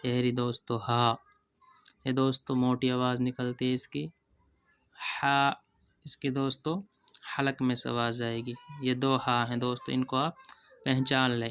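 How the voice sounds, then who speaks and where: A woman teaching Quran reading who drags out each letter name and explains patiently, often calling her viewers friends. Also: extremely low pitch. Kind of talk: slow letter-by-letter recitation lesson.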